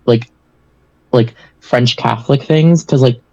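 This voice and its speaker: A man co-hosting a casual podcast, halting and full of fillers, with frequent swearing. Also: medium pitch, a little mellow, dull audio. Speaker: podcast co-host. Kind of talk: casual chat.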